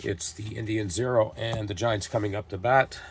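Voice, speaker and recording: There's vocal fry in this man's lowish voice, heard at normal speed over slight background noise. Recovering from a cold, he hosts a tabletop baseball dice game, steadily reading lineups and calling plays like a broadcaster.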